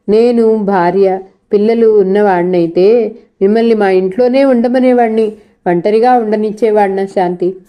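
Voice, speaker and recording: A woman's voice: mid-range voice, dark tone. A woman reading a novel aloud as a storyteller, shifting her voice a little for each character's lines. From India. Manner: reads dialogue with small shifts of voice and pace.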